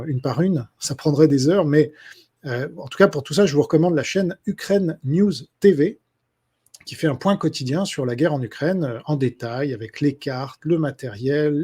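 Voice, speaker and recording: Husky-voiced guy doing a casual q&a for his subscribers, lots of euh and restarts. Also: fairly high pitch, warm tone. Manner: hesitant, many fillers and restarts. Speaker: author answering subscriber questions. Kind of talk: casual spoken Q&A monologue.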